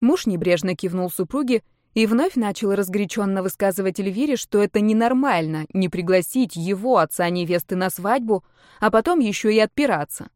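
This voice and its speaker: A woman reading a novel aloud as an audiobook narrator, in an even, measured way. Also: mid-range voice, no echo, clean studio sound. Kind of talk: scripted narration.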